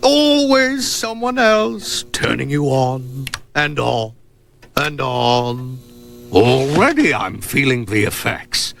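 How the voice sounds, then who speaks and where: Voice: mid-range voice, big pitch swings, slow pace, vocal fry, fairly bright tone, slight background noise, full character voice. A text-to-speech voice playing a pompous male school principal in a cartoon dub, speaking in grandiose, stiff proclamations. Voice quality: synthetic computer voice.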